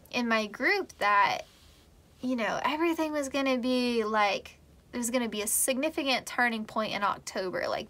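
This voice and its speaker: A woman's voice: fairly high pitch, sharp tone. A young woman giving a casual pick-a-card tarot reading, chatty and rambling, laughing often and using lots of fillers. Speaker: tarot reader.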